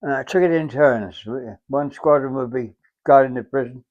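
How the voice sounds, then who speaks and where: A very old man of about a hundred with an English accent, recalling his service as a veteran in a halting, reflective, unhurried way. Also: medium pitch. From England. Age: very old, around 100. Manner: very old man's halting, reflective delivery with repeated phrases. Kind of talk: unhurried oral-history reminiscence. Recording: dull, muffled lo-fi sound.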